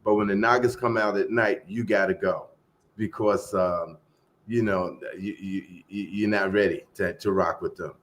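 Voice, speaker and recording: A man telling stories in a casual group chat, animated and acting out the people in them. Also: low-pitched, normal speed. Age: 20s. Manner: animated storyteller, acts out voices and quotes.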